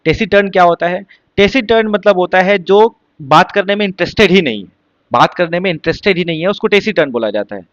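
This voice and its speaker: A man's voice: high voice, animated, fast talker, a bit bright, no room sound, dull audio. A male teacher giving an exam-prep vocabulary lesson, repeating points and asking rhetorical questions. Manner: repetitive, explains with rhetorical questions.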